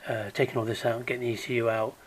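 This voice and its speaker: This DIY car repair vlogger talks fast through a casual how-to on fixing a car, his hoarse, croaky voice a leftover from recent illness. He keeps it relaxed and conversational at a mid-range male pitch, frequently trailing into a low mutter as he works. Faint background noise hums throughout.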